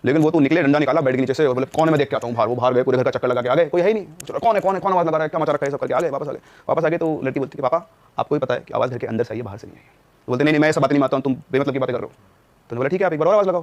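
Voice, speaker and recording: Fast-talking young man telling a ghost story. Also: mid-range voice, a little mellow. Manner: acts out quoted dialogue in changing voices. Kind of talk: animated storytelling.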